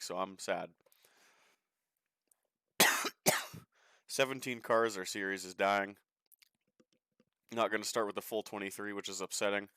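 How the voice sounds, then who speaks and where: A young man rambles through his sim racing stream in a loose, joking way, swearing without a second thought. His voice is on the low side but bright and forceful, and it comes through clean and crisp in a dry, close recording. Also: dry recording. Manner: chatty, swears freely, offhand and joking. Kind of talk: casual live-stream commentary while racing.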